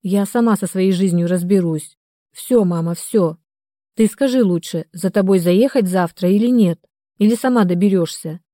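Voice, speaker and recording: A woman's voice: mid-range voice, normal speed, dark tone, no echo, studio quality, natural voice. A woman reading the part of a grown, pregnant daughter who answers curtly, in an audiobook. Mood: guarded.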